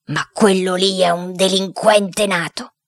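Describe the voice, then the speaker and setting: A woman voicing an indignant grown man who cries out in shrill, drawn-out outbursts over his ruined hat. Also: fairly even intonation, dry recording, studio quality. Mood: outraged.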